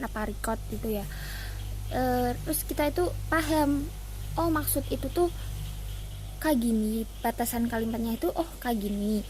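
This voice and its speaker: Young indonesian woman explaining class stuff, kinda high voice, lots of umms and restarts, faint hiss behind. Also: a little mellow. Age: young adult. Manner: hesitant, many fillers and restarts. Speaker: student presenter. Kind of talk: casual class presentation.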